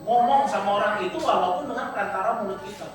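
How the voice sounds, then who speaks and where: A male pastor preaching a sermon in a church, telling stories in a lively, conversational way. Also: high-pitched, fast talker. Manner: lively, conversational, animated storytelling. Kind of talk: sermon with storytelling. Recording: echoey church hall from far off.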